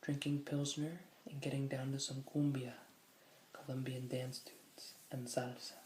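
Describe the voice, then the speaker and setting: A person whispering softly in an ASMR style, reading aloud from a book slowly, with musing asides. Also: mid-range voice, reverberant, a little hiss or hum, low-quality recording. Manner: slow, musing asides between read passages. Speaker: ASMR host.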